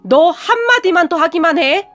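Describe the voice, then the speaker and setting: A woman's voice: very high voice, expressive, normal speed, fairly bright tone, faint music behind, voice pushed up. A woman voicing a spoiled, combative grown sister-in-law who whines and screeches. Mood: shrieking. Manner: screeching, whining.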